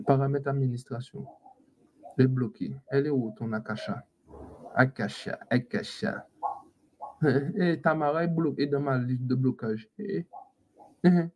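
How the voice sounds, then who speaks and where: A man's voice: mid-range voice, a little mellow, slight background noise. A man hosting a casual live stream, teasing and scolding his viewers and laughing often. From French Antilles.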